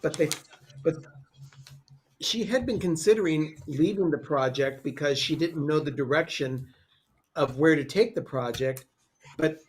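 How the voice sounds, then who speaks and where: A man's voice: a little high, darkish tone. A man co-hosting a casual movie watch party from his dining room, chatting and greeting viewers. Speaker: co-host.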